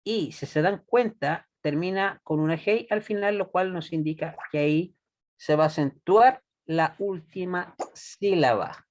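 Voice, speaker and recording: Man, Hebrew teacher, slow deliberate delivery, slightly high voice, patient classroom manner. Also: highs cut off. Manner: patient, checks understanding with frequent "¿ya?"; slow and deliberate, repeats words for students. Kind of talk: classroom lesson.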